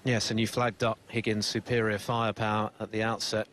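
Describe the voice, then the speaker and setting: A man's voice: on the low side, flat delivery, a little fast, a bit bright, slight background noise. A man giving snooker commentary in articulate, formally phrased, considered sentences. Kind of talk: sports commentary. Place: live snooker broadcast commentary.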